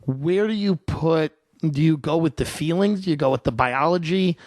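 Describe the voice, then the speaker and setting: A man's voice: fairly high pitch, moderate pace, darkish tone, no echo, studio quality. A man hosting a casual discussion, rambling and restarting as he searches for words. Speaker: podcast host.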